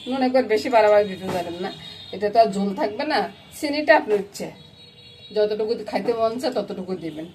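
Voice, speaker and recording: A woman's voice: medium pitch, expressive, fast talker. Chatty woman with a Noakhali accent. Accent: Noakhali Bengali. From Bangladesh. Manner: chatty, keeps asking viewers "you get it?". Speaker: cooking vlogger. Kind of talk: casual cooking vlog chat. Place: home kitchen. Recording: loud kitchen frying noise. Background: frying and sizzling.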